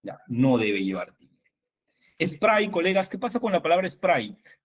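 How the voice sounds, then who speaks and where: Over a video-call microphone, a man with a Peruvian Spanish accent teaches an online spelling workshop to fellow teachers, asking questions and confirming the answers. His voice is fairly high with big pitch swings, and he keeps a measured pace.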